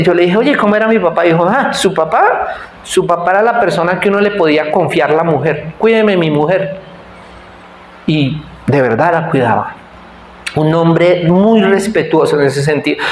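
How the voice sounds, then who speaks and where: Man in his forties, pastor, conversational sermon, high-pitched, roomy church echo. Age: 40s. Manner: conversational, self-deprecating, asks the congregation to answer. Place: church hall. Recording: echoey church hall.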